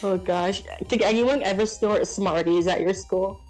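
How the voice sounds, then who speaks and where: A woman chatting casually on a stream, telling stories hesitantly with many pauses and ums. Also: medium pitch, a little mellow, soft background music, poor audio. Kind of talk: casual storytelling.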